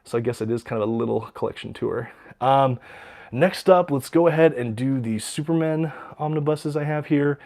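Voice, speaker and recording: Guy chatting on his livestream, excited, lots of ums, bit out of breath with a cold. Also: mid-range voice, moderate pace. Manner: enthusiastic, many ums and uhs, reads out viewer questions. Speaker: livestream host showing his comic collection. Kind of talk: casual livestream chat.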